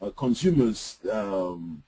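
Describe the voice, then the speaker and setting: A man's voice: on the low side, animated, slow pace, mellow, husky, low-quality recording. A man co-hosting a marketing webinar, talking casually with many restarts and fillers. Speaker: webinar co-host.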